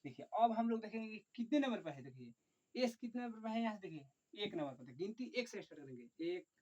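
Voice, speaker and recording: Man teaching slowly on lo-fi audio. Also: high voice, very animated, darkish tone. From Bihar, India. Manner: slow, repetitive step-by-step dictation, often saying "look" and counting aloud. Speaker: chemistry teacher. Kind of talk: online chemistry lesson. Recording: dull lo-fi recording.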